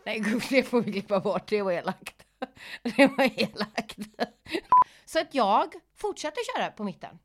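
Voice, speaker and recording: Lively, laughing woman comedian telling stories. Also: mid-range voice. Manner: animated storyteller, swears freely, laughs often. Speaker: comedian and podcast co-host. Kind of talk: casual chat.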